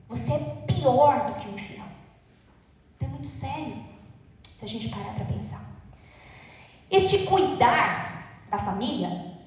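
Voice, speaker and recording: High-voiced woman teaching in an echoey church. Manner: conversational, asks the listeners questions; acts out quoted parents and children. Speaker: Bible study teacher. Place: church hall. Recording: very echoey hall, speaker far from the mic.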